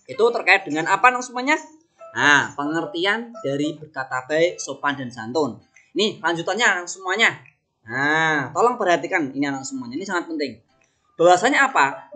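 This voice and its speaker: A man's voice: on the high side, bright, forceful tone. A man teaching a religion lesson to young children, coaxing them along by asking questions and answering them himself.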